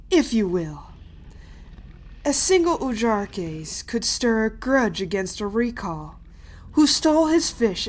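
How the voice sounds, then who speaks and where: A woman voicing a commanding dragon queen in an animated fantasy, imperious, measured and smoothly condescending. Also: lowish voice. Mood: musing, lecturing. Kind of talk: animated fantasy drama acting.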